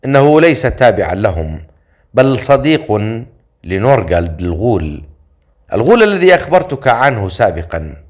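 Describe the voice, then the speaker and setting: A man voicing a stern, confident male leader in an audiobook story, with a dry, measured delivery. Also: mid-range voice, very animated. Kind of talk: audiobook character voice.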